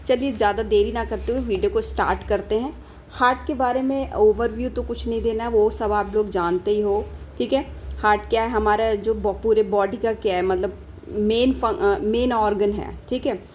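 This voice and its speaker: A woman from India teaching a casual lecture, talking quickly and checking in with her students after almost every point. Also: mid-range voice, steady tone, a little mellow, slight background noise. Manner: talks fast, with a rhythm that speeds up as she teaches; keeps asking and answering her own questions, peppered with "theek hai" checks. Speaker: pharmacy tutor.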